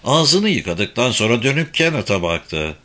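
A man reading a novel aloud in a measured, even storytelling manner. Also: medium pitch. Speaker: narrator. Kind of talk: audiobook narration.

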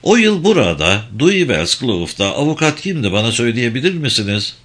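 A man's voice: medium pitch, big pitch swings, fairly quick, fairly bright tone. A man reading a polite questioning Englishman. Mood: inquiring. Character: inquisitive Englishman from London, man.

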